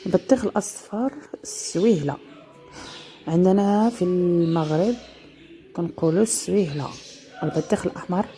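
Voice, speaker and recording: Slow, low-voiced woman teaching vocabulary. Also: dark tone. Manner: slow, repeating each word several times. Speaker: dialect teacher. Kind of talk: slow vocabulary lesson with repetition.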